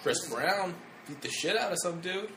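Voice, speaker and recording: Brash young male co-host, swooping pitch, crude and blunt, light hiss. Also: expressive, moderate pace, sharp tone. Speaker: podcast co-host. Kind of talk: casual chat.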